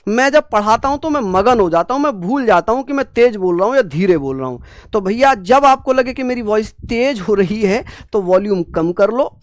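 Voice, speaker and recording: A man's voice: high voice, expressive, brisk, hardly any pauses, no echo, studio quality. A male exam-prep teacher giving an online classroom lecture, drilling points over and over, voicing his students' questions and calling them fond names. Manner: repetitive drilling, voices students' questions, fond terms of address.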